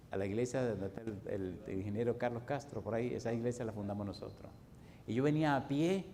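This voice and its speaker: A man of sixty, a pastor preaching a sermon and telling a personal story, swinging from loud exclamations to low, confiding tones. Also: a little hiss or hum. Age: 60s.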